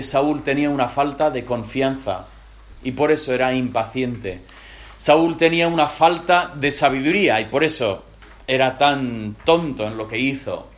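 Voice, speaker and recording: A man with a Spain Spanish accent preaching a sermon as a lively storyteller, swinging between loud and hushed. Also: mid-range voice.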